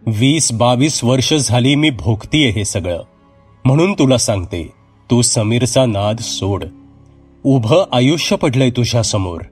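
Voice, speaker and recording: A man's voice: mid-range voice, expressive, a little slow, darkish tone, breathy edge, faint music behind. A man voicing an older village mother who speaks in a weary, tender way and breaks into alarmed cries.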